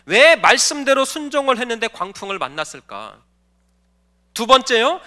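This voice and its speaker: A man's voice: very high voice, pushed and bright. A male pastor giving a sermon, posing questions to the congregation and answering them, and calling for the next slide. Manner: directs the slide operator between points.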